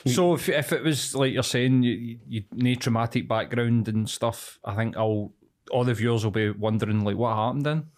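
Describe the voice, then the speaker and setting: Glasgow street-accented man, mid-pitched voice. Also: fairly even intonation, moderate pace, a little mellow. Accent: Glasgow Scottish, street. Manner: slangy, inquisitive. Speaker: podcast host. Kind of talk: casual interview chat.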